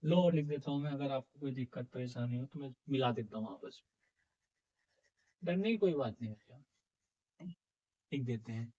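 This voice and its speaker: A man's voice: medium pitch, moderate pace, long pauses, mellow. A man teaching a chemistry class, coaxing students with repeated questions, his voice a little heavy from being unwell. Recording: dull, muffled lo-fi sound.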